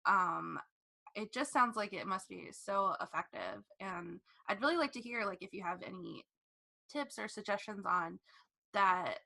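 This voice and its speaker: A woman's voice: mid-range voice, expressive, unhurried, vocal fry, sharp tone. A woman hosting an interview, affirming and encouraging her guest in casual chat. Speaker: interview host.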